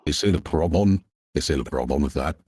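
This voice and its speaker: A man's voice pushed extremely low by a deep pitch-shifting voice changer, with a husky grain. He talks on a call like a pompous, threatening self-styled lawyer, circling back over the same points. The sound is close and dry. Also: fairly quick, a little mellow, no room sound. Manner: pompous, threatening, repeats himself. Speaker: caller posing as a lawyer. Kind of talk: call on a voice chat.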